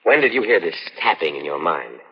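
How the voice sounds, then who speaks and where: An avuncular police investigator in a vintage radio mystery. His voice is deep and rough, talking quickly in a patronizing, folksy way. The sound is muffled. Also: very animated, heavily acted. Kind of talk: 1940s radio suspense acting. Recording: muffled old radio broadcast.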